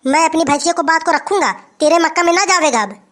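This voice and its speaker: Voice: extremely high pitch, fast talker, fairly bright tone. A voice actor doing a dismissive village headman. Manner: dismissive, offhand. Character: lazy, dismissive middle-aged village headman.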